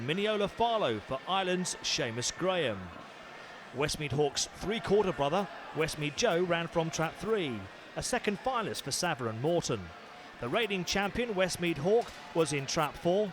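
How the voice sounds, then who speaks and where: A man's voice: on the high side, background noise. A man narrating a sports review programme in a polished, emphatic voice-over. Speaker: programme presenter.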